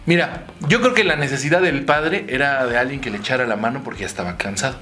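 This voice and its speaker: Bright-voiced Mexican man joking. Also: mid-range voice, fast talker, a little hiss or hum. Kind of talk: casual chat.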